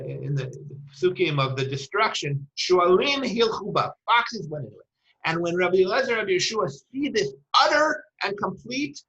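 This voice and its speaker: A woman teaching a lecture with a bright, forceful voice, working Hebrew terms into her English as she tells old stories. The recording sounds dull and lo-fi. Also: lowish voice. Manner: storytelling, retells quoted dialogue.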